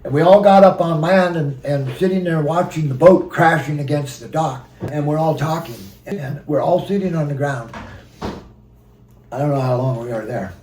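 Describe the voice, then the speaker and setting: A man's voice: fairly high pitch, darkish tone, slight background noise. Man telling a story, distant and roomy. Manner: halting, recounts events with quoted dialogue. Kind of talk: personal storytelling. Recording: roomy sound from a distant mic.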